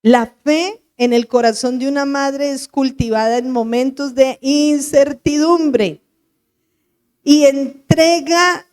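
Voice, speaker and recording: A woman pastor preaches, her voice sitting a little high. She tells her own testimony in earnest, slowing down and drawing out the words she wants to land. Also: darkish tone. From Bogotá, Colombia. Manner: earnest storytelling with slow, stretched emphasis on key words. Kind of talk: sermon with personal testimony.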